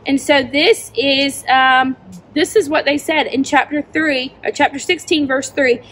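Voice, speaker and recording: A woman in her forties teaching a children's Bible lesson outdoors, talking straight to the kids in an animated, expressive way, recorded by a camera a few feet away. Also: high-pitched, measured pace, a little hiss or hum, poor audio. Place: outdoors in a backyard by a tent.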